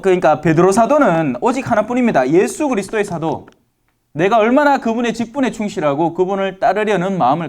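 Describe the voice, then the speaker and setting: Lively joking priest. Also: male voice, high voice. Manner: lively, joking, asks the audience questions. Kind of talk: lecture sermon to elderly parishioners.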